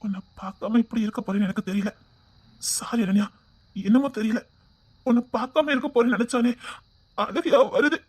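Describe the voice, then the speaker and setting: A woman voicing a shy, tender young man with a Tirunelveli accent, who stammers and apologizes in a husky voice. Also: medium pitch, little pitch movement, a little fast, warm tone, close to an everyday voice. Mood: tearful. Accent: Tirunelveli Tamil. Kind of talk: web-series drama acting.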